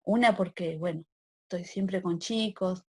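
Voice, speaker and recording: A woman's voice: on the low side, measured pace, slightly rough. A pregnant woman in her forties with a Rioplatense Spanish accent, teaching the Bible to a women's church meeting in a conversational way and checking in with her listeners. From Argentina. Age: 40s. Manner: asks the listeners for agreement with a rising sí; acts out prayers and quoted complaints in changed voices.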